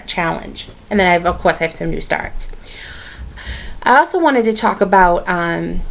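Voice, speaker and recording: A stitching vlogger with a Boston-area accent and a mid-range, slightly bright voice chats casually about her hobby. She rambles, using many ums and restarting her sentences.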